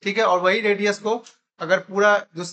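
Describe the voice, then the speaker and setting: High-voiced male teacher quizzing a class. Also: fairly even intonation, moderate pace, pushed and bright. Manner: keeps quizzing students with repeated questions. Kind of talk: classroom math lesson.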